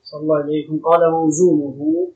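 Brisk man reciting a text. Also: on the high side, flat delivery, dark tone, dull audio. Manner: brisk formal recitation with blessings. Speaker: student reading the text aloud.

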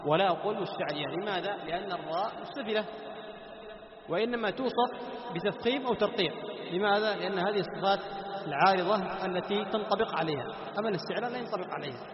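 A man's voice: sits high, crowd noise. A man teaching a Quran recitation class, questioning his students and answering himself. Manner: chants Quran verses slowly as examples. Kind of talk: classroom lesson on tajweed. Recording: echoey hall, dull lo-fi, background noise.

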